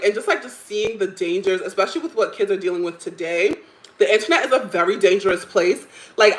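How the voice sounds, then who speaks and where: A woman's voice: medium pitch, a bit bright, reverberant, poor audio. A woman in her thirties hosting a livestream, chatting casually and giving strong opinions with frequent laughs. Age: 30s. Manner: chatty, opinionated, laughs often, many "like" fillers. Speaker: livestream host. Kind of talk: casual chat reacting to stories and chat comments.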